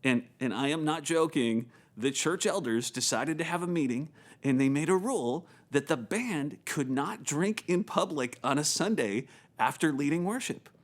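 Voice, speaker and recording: A male pastor delivering a sermon in a storytelling way, often doubling up his words. His voice sits high. The pitch bounces around a lot. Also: moderate pace. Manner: animated storytelling, repeats words.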